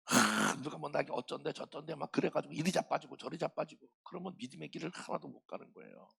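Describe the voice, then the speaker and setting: 60대 남자 목사가 교회 예배당에서 농담을 섞어 가며 회중에게 직접 말을 건네듯 설교한다. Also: male voice, a little high, lively intonation, quick pace, creaky, fairly bright tone, slightly rough. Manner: folksy, joking, talks straight to the congregation. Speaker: pastor. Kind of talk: sermon. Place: church sanctuary.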